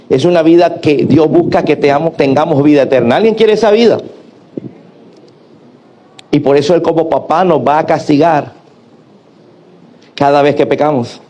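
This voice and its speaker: A male pastor preaches with animated energy in a fairly high voice. He acts out the lines of the people in his stories and keeps calling out to the congregation for a reply. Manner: animated preaching with acted-out quotes and call-and-response. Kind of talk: sermon.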